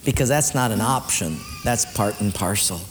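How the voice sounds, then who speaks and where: A man's voice: expressive, moderate pace, soft background music. Preaching man in a big echoing hall. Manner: dynamic preaching, swings from loud high lines to low quiet ones. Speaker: pastor. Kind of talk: sermon. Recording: long hall reverb, faint room noise.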